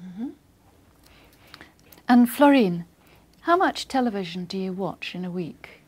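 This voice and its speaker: A woman acting as examiner, reading scripted test instructions in a formal, measured, polite way. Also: medium pitch, expressive, darkish tone, husky.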